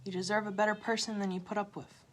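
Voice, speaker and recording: This livestreamed tarot reader, a woman, addresses viewers directly with a repetitive, emotional pep talk, alternating loud encouragement with an almost-whisper. Her mid-range delivery is flat and quick, and there's a little hiss or hum.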